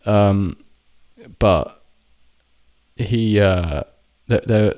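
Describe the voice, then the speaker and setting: A man's voice: fairly low pitch, drawn-out words, darkish tone, clean tone. A man telling a rambling, sweary personal story to camera, often stopping to correct himself. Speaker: vlogger. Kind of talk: casual storytelling monologue.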